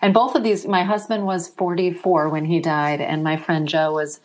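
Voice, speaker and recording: Middle-aged woman guest, deep-set low voice, gentle and reflective, emotion close to the surface. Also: flat delivery, moderate pace. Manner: soft-spoken, reflective, emotional. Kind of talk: reflective interview conversation.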